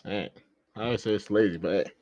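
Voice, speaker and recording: A man's voice: on the low side, a little fast, a little mellow, no echo. A man playing a tabletop game over voice chat, practical and a bit hesitant, trailing off mid-thought. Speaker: player. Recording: dull lo-fi voice chat audio.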